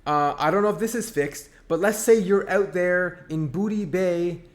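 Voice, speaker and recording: Guy streamer ranting about the game, sarcastic, kinda high voice. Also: normal speed. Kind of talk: casual gameplay commentary.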